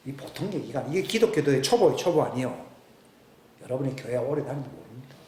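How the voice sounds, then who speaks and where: Male pastor, 60s; sermon delivery with loud questions and hushed asides, echoey sanctuary. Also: medium pitch, very animated, fast talker. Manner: swings between loud emphatic questions and hushed near-whispers. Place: church sanctuary. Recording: echoey church room with faint background hiss.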